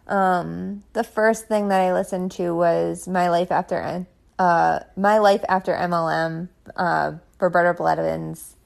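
A woman's voice: on the low side, creaky. A young woman telling her own story in a casual, chatty way, filling it with "like" and frustrated asides.

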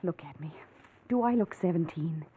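In a 1940s radio drama, an actress voices a desperate, earnest young farm woman urgently begging for help. Her voice sits on the low side, close to everyday speech, with lively intonation at a moderate pace. The audio is narrow-band old radio with faint noise.

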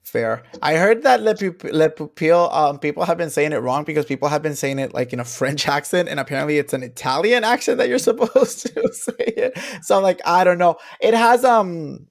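A man's voice: on the high side, brisk, creaky, hardly any pauses. A man, a guest film reviewer, chatting casually about award picks and laughing easily.

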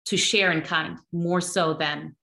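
A woman's voice: fairly low pitch, fairly even intonation, slow, vocal fry, bright, forceful tone. A middle-aged woman from the Dominican Republic, talking earnestly about her life as a guest in a conversation, laughing often. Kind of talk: personal conversation. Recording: echoey room.

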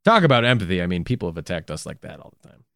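A man's voice: sits low, big pitch swings, rapid-fire, creaky, a bit bright, no echo, clean studio sound. An American man co-hosting a comedy podcast in casual, goofy, sweary banter.

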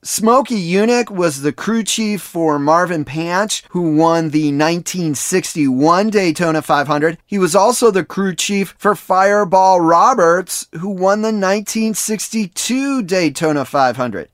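Man narrating a sports podcast, higher voice. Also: fairly bright tone, no echo, clean studio sound. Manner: measured, reads a prepared script. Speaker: podcast host. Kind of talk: scripted narration.

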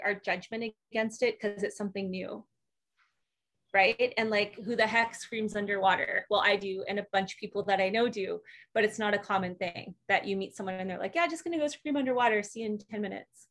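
A woman speaks at a mid-range pitch as a podcast guest, laying out her methods in an earnest, explanatory way. Her talk is loose and chatty, dotted with fillers as she thinks aloud. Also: fairly even intonation, normal speed, a bit bright. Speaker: guest, emotional wellness coach. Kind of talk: conversational podcast interview.

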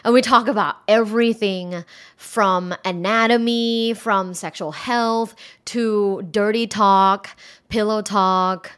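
A woman's voice: medium pitch, steady tone, slow, fairly bright tone, smooth. A woman from Thailand, a sex educator talking frankly and candidly in a casual interview, giggling often and filling her sentences with "like". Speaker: sex educator and college instructor.

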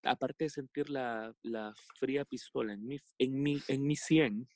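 A man from El Salvador with a Salvadoran accent, telling a personal story as a podcast guest in a halting way, with many fillers and restarts. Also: medium pitch, fairly even intonation, darkish tone, no echo, clean studio sound. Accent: Salvadoran Spanish.

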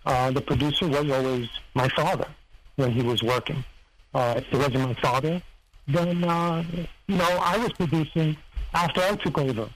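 Halting, rambling man from Serbia. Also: a little high, a little hiss or hum, rough recording. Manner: halting, rambling, searches for words. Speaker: guest, former heist crew member. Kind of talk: casual interview storytelling.

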